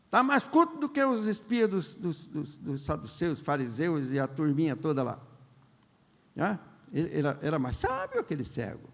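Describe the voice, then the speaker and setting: Older man, bishop preaching, high voice, long church reverb. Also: gravelly. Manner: conversational, joking, asks the congregation questions; acts out the characters' lines in quick voices. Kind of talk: sermon. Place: large church hall.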